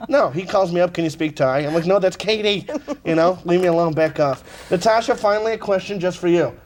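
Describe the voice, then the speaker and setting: Man, talk show host, TV studio, fast, joking, teasing. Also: sits high, slight background noise. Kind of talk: casual live TV talk show banter.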